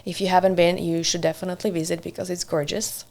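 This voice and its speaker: A woman, a podcast guest who chats in a friendly way, laughs easily and often pauses on "uh". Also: fairly low pitch, little pitch movement, a little mellow. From Slovakia. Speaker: podcast guest, community center director. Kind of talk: casual interview chat.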